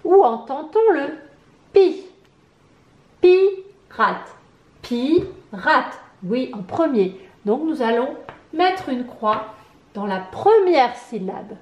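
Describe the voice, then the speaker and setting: A woman with a French accent, teaching syllables to a young child, clapping out each syllable slowly and asking questions. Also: sits high, big pitch swings, warm tone, echoey room, highs cut off. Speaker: preschool teacher. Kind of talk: slow, sing-song phonics lesson for young children.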